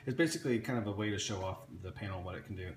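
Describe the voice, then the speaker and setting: A man's voice: lowish voice, very fast. A man casually showing off an electronics kit he built, talking off the cuff with frequent restarts and fillers. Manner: rambling, many restarts and fillers. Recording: echoey room with faint ambient noise.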